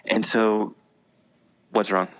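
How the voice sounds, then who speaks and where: Taking his time in a lowish voice, a veteran and teacher in his thirties chats as a podcast guest. He's a relaxed storyteller whose easy talk is peppered with fillers and laughter.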